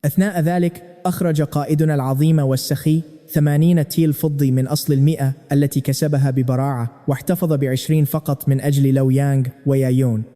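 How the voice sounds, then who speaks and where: A man's voice: mid-range voice, fairly even intonation, fast, mellow, soft background music. A man narrating a story recap in a dramatic, scripted storytelling manner. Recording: long echoey reverb.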